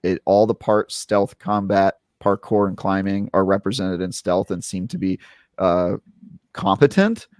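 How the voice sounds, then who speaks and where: A young adult man chats on a gaming podcast in a low voice, and the close mic gives it a dry, intimate sound. He rambles happily, doubling back on his words and leaning on fillers as he works up to the good parts. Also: unhurried, dry recording. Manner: rambling, filler-heavy, animated retelling. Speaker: podcast co-host, game reviewer. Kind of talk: casual podcast chat.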